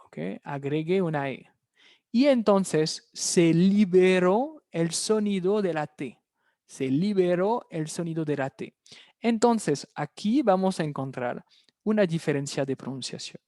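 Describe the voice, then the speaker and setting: A language teacher leads an online lesson at a very unhurried pace, spelling out each point and pausing to check that the class is following. Key words are said slowly and repeated for pronunciation, in a mid-pitched voice. The recording is dry, with no room sound. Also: expressive, warm tone, no room sound. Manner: explains step by step, often checking in with "¿ok?". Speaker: French teacher.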